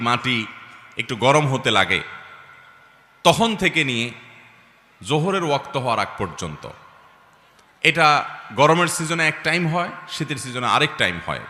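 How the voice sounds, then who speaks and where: A man's voice: medium pitch, bright, forceful tone, reverberant, in a large hall, a little hiss or hum. A middle-aged man preaching a sermon to a large gathering, with emphatic rising and falling delivery.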